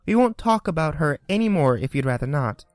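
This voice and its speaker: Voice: mid-range voice, animated, a little fast, darkish tone, no echo, clean studio sound, faint music behind, lightly acted. A reader voicing a polite, chatty young girl who stumbles over her words in a storybook reading. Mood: eager.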